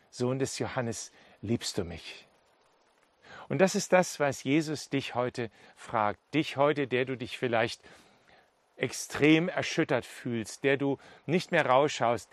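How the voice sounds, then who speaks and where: A male preacher delivers a sermon, retelling scripture scenes with emphatic storytelling. His voice sits at an ordinary middle pitch. The recording is dry and close, with no room echo. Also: unhurried.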